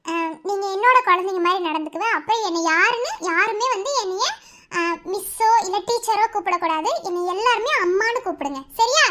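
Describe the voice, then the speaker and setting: A woman's voice: very high voice, fairly quick, pushed and bright. A woman voicing a Tamil cartoon story, talking in a sweet, coaxing, motherly way to children. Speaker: voice of cartoon characters.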